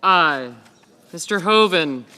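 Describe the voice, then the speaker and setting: Bright, high-voiced man calling roll. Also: lively intonation, takes it slowly, slight background noise. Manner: short, formal name announcements. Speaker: clerk calling a roll-call vote. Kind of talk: formal roll call.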